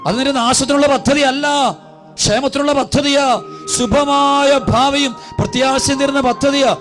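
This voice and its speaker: Priest, Kerala Malayalam accent, high voice, rapid repetitive sermon delivery over faint music. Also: male voice, fairly even intonation. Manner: repetitive, pleading cadence, drops low and soft for prayers; addresses listeners as children. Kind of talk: devotional sermon with prayer.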